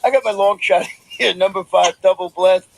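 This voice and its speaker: Higher-voiced man hosting a racing segment. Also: normal speed, vocal fry, low-quality recording. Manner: relaxed, joking, runs the segment. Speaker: racing show host. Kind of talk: horse racing handicapping chat.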